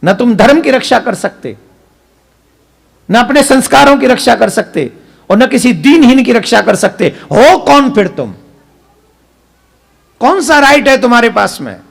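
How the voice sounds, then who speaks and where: A man's voice: sits high, vocal fry. A man preaching a devotional katha sermon, emphatic and full of rhetorical questions to the audience.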